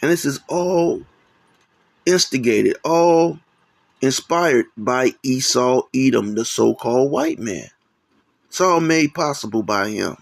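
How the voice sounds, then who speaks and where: A man's voice: medium pitch, expressive, slow, creaky, no echo. A man hosting a religious commentary on videos, rambling and often checking in with "man" and "okay?". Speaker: channel host.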